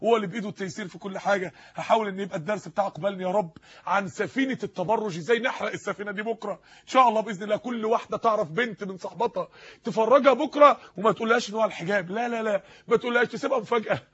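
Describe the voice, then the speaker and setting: A man's voice: sits high, racing, fairly bright tone, husky. A man with an Egyptian Arabic accent preaching a fervent sermon, firing off repeated pleading rhetorical questions. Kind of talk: impassioned sermon. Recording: dull lo-fi recording.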